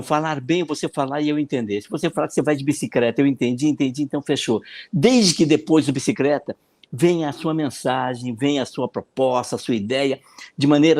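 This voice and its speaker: Animated Brazilian man explaining. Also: a little high. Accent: Brazilian Portuguese. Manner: animated explaining, acts out quoted voices, frequent repetitions. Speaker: political consultant and speaking coach. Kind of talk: podcast interview answer.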